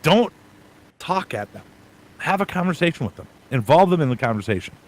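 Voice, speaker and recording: A man who is a guest streamer, chatting casually on a panel and thinking out loud in long run-on advice. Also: fairly high pitch, sing-song, brisk, rough recording.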